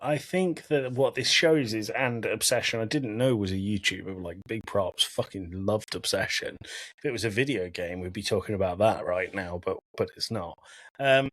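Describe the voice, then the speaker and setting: Fairly low-pitched and fairly bright, a man's voice with no echo comes at normal speed. He hosts an informal podcast about films and games, recapping from notes while tossing in jokey asides and some swearing.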